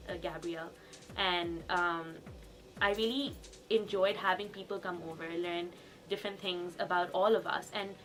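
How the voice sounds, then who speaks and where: A woman's voice: medium pitch, pushed and bright. A young woman from Pakistan, a student talking chattily in a documentary interview. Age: young adult. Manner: fast, chatty, restarts mid-sentence.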